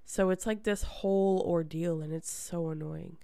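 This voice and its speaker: A woman's voice: fairly low pitch, fairly even intonation, moderate pace, vocal fry, dark tone, no echo, studio quality. A woman hosting a podcast in casual chat, with a congested, nasal voice and a chatty, rambling manner. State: congested from a sinus problem. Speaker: podcast host.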